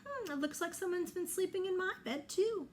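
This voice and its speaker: A woman voicing a gentle mother bear who speaks in a soothing, sing-song tone. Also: very high-pitched, normal speed, a little hiss or hum, voice pushed up. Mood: puzzled, soothing.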